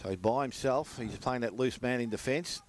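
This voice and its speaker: An Australian man giving rapid running play-by-play commentary on a local football match. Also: mid-range voice, slight background noise.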